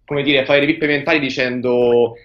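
A man's voice: mid-range voice, fairly even intonation, normal speed. Man calling in over a dull call line. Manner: hesitant, searches for words, many restarts. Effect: heard over a call line, dull and muffled. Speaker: caller into a live show. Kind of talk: casual chat.

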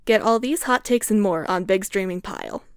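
A woman's voice: mid-range voice, moderate pace, clear, resonant tone, no echo. Upbeat woman host and game master, dry close sound. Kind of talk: podcast credits and promo read.

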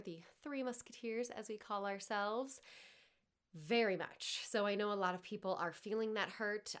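A woman hosting her own podcast, talking in a chatty, candid way, swearing now and then and laughing often. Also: fairly low pitch. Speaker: podcast host. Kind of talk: casual solo podcast chat.

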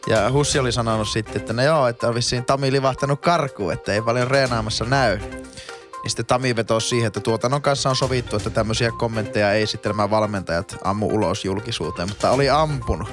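Man, podcast co-host, dry jokes, rambling, middle pitch, music clearly behind. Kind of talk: casual podcast banter.

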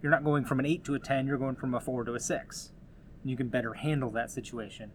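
A man's voice: medium pitch, fairly even intonation, fast. A man with a mid-range voice talks in an earnest, encouraging way, like a host giving friendly advice. His delivery is casual and conversational. A faint ambient hum sits behind him. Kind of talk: casual motivational talk.

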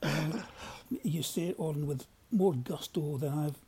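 A man with a broad Scottish accent telling anecdotes in a casual, droll voice memo, with a husky voice. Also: a little high, measured pace, mellow. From Scotland. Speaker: listener sending in a voice memo. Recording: home voice memo.

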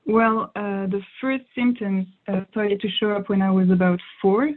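Heard over a narrow, phone-like line, this interview guest is a young woman whose native language is French. Her pitch is medium and her speed normal as she thinks through each answer, frequently restarting and filling pauses.

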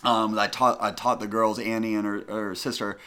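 A middle-aged man from the northern United States chats casually, telling stories with animated emphasis and repeating phrases for effect. His pitch sits fairly low and he talks at a normal speed.

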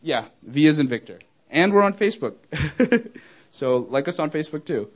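A man's voice: fairly high pitch, expressive, fairly quick. A young man, a startup founder, answering audience questions in a casual, friendly way, with many fillers and easy laughs. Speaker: startup founder presenting to users. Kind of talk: casual Q&A presentation.

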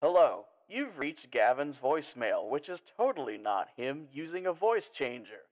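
A man putting on a voicemail greeting through a voice changer, deadpan and mock-formal. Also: fairly high pitch, normal speed, a little hiss or hum, pitched above the performer's own voice. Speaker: podcast host.

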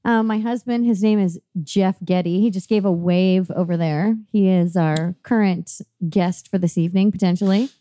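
A woman's voice: medium pitch, dark tone, no room sound. A woman co-hosting a podcast, chatting casually and giggling often. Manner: giggly, quick interjections. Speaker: podcast co-host. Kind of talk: casual chat.

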